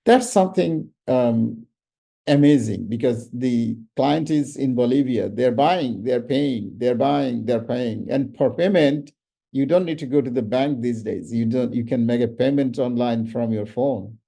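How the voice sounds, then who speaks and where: Middle-aged bangladeshi guy doing an online seminar talk, gravelly, medium pitch, repeats stuff for emphasis. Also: unhurried, dark tone. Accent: Bangladeshi English. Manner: emphatic, repeats words for stress. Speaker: summit speaker.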